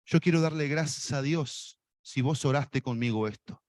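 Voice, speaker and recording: A man's voice: medium pitch, moderate pace, a little mellow. A man with a Rioplatense Spanish accent preaching an evangelistic sermon and leading listeners in prayer, with fervent, repeated appeals spoken straight to them. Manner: fervent, repetitive appeals, speaks directly to listeners.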